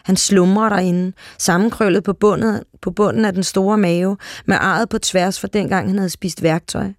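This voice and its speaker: A reader narrating a literary short story aloud in a calm, steady way. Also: mid-range voice, no echo, clean studio sound.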